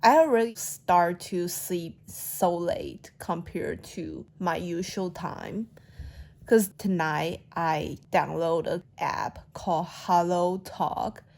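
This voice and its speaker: A young woman with a Chinese accent and a soft, sleepy way of talking, vlogging late at night. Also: on the low side, slow pace, gravelly. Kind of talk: casual late-night vlog.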